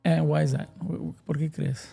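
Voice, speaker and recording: A man's voice: on the high side, fairly even intonation, brisk, vocal fry, dark tone, breathy edge. A man, a pastor hosting a show, interviewing a guest in an affirming, conversational way. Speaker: pastor and podcast host.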